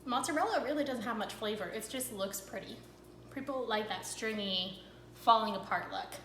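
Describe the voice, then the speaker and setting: A woman's voice: fairly high pitch, normal speed, a bit bright, roomy sound, a little hiss or hum, poor audio. A young woman hosting a cooking vlog, chatting casually to camera with a rambling, filler-filled manner.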